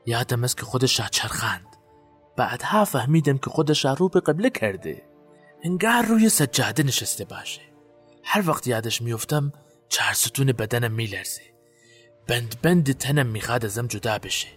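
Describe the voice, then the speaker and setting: An actor playing a guilt-haunted man recalling a night burial, in a halting, haunted way. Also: medium pitch, expressive, husky, soft background music. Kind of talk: audio drama acting.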